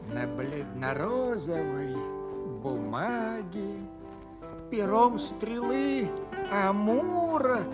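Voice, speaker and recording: Police clerk: grumbling daydreamer, theatrical muttering, highish, very animated, radio fairy-tale style. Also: male voice, heavily acted. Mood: dreamy. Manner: theatrical muttering to himself, exclamatory. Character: grumbling, dreamy police clerk longing to be poet.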